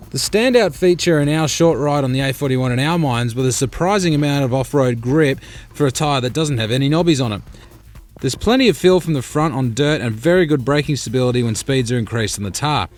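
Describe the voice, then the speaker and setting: A man giving a scripted voice-over for a motorcycle tyre review, reading technical details in a measured, steady way. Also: mid-range voice.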